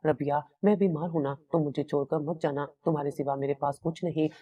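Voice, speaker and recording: A troubled young husband with a childlike, pleading softness, read by a woman. The voice sits low and mellow, with no sharp edge. It keeps the even tone of a storybook narration. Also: a little fast, slightly rough, far from the mic.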